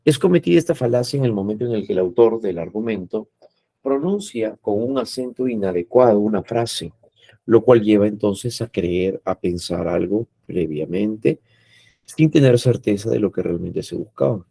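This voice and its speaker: A low, gravelly-voiced man lecturing as a teacher. He explains patiently, with a husky, dark tone. The sound is dry and close. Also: animated, normal speed, no echo. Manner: explains patiently with frequent "¿no?" and "eh" tags.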